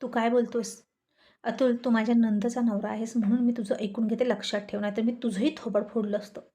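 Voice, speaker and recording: Haughty sharp-tongued wife, read by a woman narrator, insulting, fairly high voice, mellow tone, storybook. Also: little pitch movement, brisk, natural voice. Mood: scornful. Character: proud sharp-tongued married woman with memory loss.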